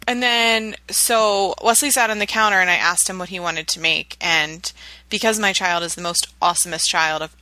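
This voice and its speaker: A woman hosting a casual podcast chat, playful and quick to laugh. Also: fairly low pitch, steady tone, pushed and bright, no room sound, low-quality recording. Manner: giggly, playful teasing.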